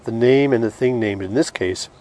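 A man giving an informal devotional lecture as a religious teacher, short of breath and halting, with restarts. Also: mid-range voice, darkish tone.

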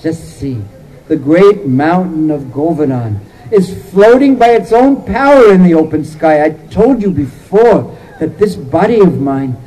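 A man's voice: a little high, expressive, unhurried, warm tone, low-quality recording. A man voicing the young boy Krishna reassuring his mother, within a sermon. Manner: reassuring storytelling quote.

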